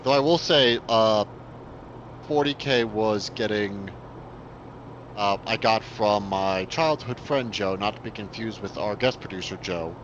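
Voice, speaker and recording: A man rambles casually through his stories, circling back and restarting as he goes, his voice a little low. The sound is dull and lo-fi, with faint noise underneath. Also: measured pace. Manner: rambling, many fillers and restarts. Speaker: co-host. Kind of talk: casual chat.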